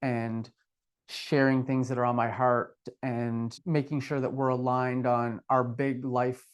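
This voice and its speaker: A man's voice: medium pitch, flat delivery, unhurried, clean tone. A middle-aged man co-hosting a podcast, talking candidly and reflectively about his past, with a self-deprecating streak. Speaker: podcast co-host. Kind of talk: casual conversational podcast.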